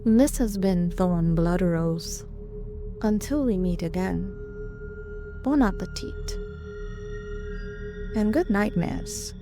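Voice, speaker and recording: A woman plays theatrical horror host at an extremely slow pace. She is sinister and teasing, with deliberate pauses and a medium pitch, over clearly audible music. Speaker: host of a horror story show.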